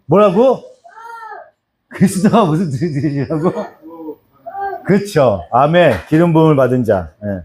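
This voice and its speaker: Male pastor, small-church doctrine class, quizzes by name, animated pitch, dark mellow tone. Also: a little slow, long pauses. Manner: repetitive, drills answers and calls on people by name. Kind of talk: church Bible lesson, quizzing listeners.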